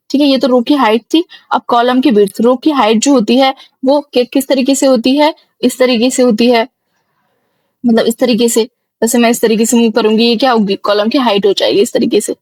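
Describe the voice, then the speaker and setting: A woman teaching a screen-recorded software tutorial, explaining each step slowly and repeating herself as she goes. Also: on the high side, no room sound. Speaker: computer teacher.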